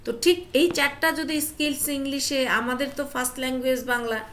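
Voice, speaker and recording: High bright-voiced woman teacher on an online class, keeps asking the kids questions, drops english words in. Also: little pitch movement, brisk, a little hiss or hum. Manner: coaxing, asks students questions, mixes English phrases.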